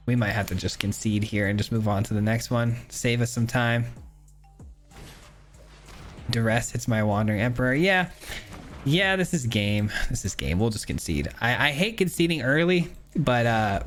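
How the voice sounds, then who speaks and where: A man casually commenting on his own card game as he plays, chatty and self-critical, with frequent ums and uhs. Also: mid-range voice. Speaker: gameplay streamer.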